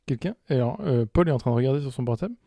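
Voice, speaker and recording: A man's voice: mid-range voice, animated, racing, dark tone, no echo. A young man co-hosting a podcast in a casual, teasing chat, asking playful questions. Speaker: podcast co-host.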